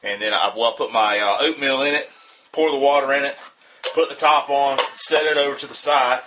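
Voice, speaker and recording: A man with a Southern US accent giving a casual how-to demonstration of a homemade stove, relaxed and rambling, with lots of uh and um fillers. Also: mid-range voice, fairly quick, background noise. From Southern United States. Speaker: outdoor gear hobbyist demonstrating a stove.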